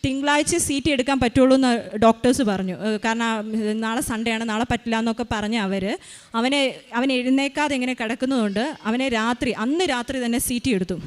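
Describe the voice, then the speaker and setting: A woman's voice: on the high side, fairly quick. A mother giving an emotional personal faith testimony, retelling events tensely with many restarts.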